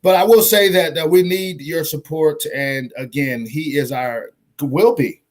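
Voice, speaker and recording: A man's voice: on the high side, measured pace. A man hosting a podcast, speaking fervently and emphatically, closing with a preacher-like prayer. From North Carolina. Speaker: podcast host.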